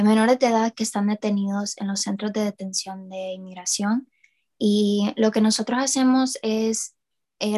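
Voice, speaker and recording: A young woman from New Orleans, USA, a student and project founder, speaks as a guest in a casual interview. Her medium-pitched, darkish voice comes with hesitant fillers and restarts.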